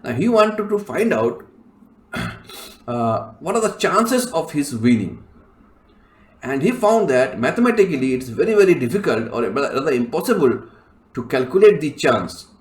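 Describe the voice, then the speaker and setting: A man's voice: fairly high pitch, big pitch swings, unhurried. Male professor lecturing in an echoey room. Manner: explains step by step, with many fillers and throat clearing. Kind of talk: recorded university lecture.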